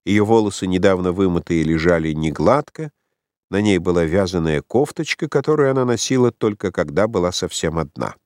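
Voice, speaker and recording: Deep-voiced man reading an audiobook. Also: lively intonation, fairly quick, a little mellow, dry recording. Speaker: audiobook reader. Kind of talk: literary audiobook narration.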